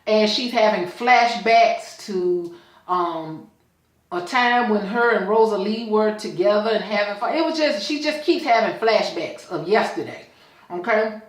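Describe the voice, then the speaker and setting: A woman's voice: medium pitch, measured pace, echoey room, rough recording. Woman casually recapping a TV episode. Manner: retells scenes with quoted dialogue, checks in with "okay?". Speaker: show host reviewing a TV episode.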